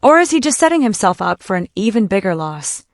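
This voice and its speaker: A woman with a mid-pitched voice delivers scripted commentary as a host. She sounds mocking and incredulous, recorded dry with no room sound. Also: big pitch swings, fairly quick, dry recording.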